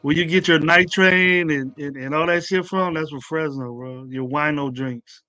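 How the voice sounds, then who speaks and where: A man's voice: a little high, normal speed, bright, forceful tone, dry recording. A man co-hosting a podcast, chatting casually with slangy, teasing banter. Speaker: podcast co-host. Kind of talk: casual chat.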